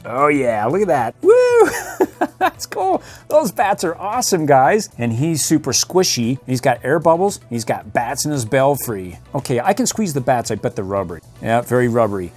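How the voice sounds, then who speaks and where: A man's voice: mid-range voice, sing-song, normal speed, few pauses, soft background music. A middle-aged man doing a casual toy unboxing review, goofy and joking, full of bits and impressions.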